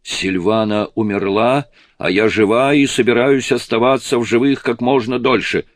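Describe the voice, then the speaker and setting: A man voicing a starving, desperate woman who speaks hoarsely and wildly, in an audiobook. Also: medium pitch, moderate pace, voice pushed up, close to an everyday voice. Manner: wild, urgent pleading.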